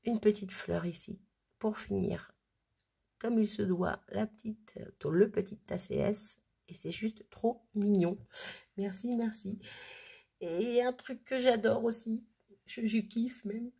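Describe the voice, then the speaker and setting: A woman's voice: medium pitch, slow pace, gravelly, mellow, slightly rough. A woman chatting casually as a crafting vlogger, gushing and often stumbling over her words. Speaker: crafting vlogger showing mail she received. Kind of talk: casual chat.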